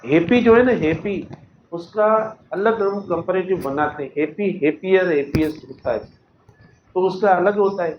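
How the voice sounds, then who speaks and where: A man with a Sindhi accent teaching English grammar, patiently explaining and slowly repeating example sentences while quizzing his students. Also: sits high. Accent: Sindhi-accented Urdu. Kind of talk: classroom grammar lecture. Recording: echoey classroom, dull lo-fi recording with faint noise.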